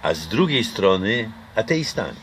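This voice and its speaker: With a lowish, fairly bright voice and big swings in pitch, an older Polish man talks at a moderate pace. It's a casual outdoor interview on a garden patio where he's reflective and hesitant, using many fillers and restarts. The close camera mic adds a little hiss or hum.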